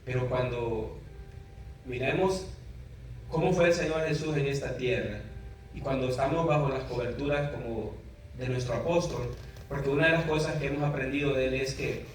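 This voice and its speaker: A man's voice: medium pitch, steady tone, normal speed. Earnest man interviewer, echoey distant sound. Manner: earnest, preacherly reflection. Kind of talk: church interview, reflective comments. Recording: very echoey room, voice from far off, faint noise.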